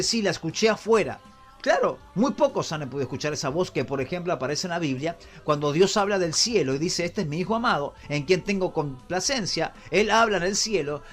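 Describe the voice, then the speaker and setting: Lively high-pitched male preacher. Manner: preaching with call-and-response prompts to the congregation. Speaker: pastor. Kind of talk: sermon.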